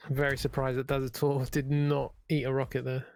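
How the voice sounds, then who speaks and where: A man's voice: medium pitch, flat delivery, fairly quick, a little mellow. A man casting a live esports match in a wry, understated, polite way. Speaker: esports caster and event host. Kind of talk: live game commentary.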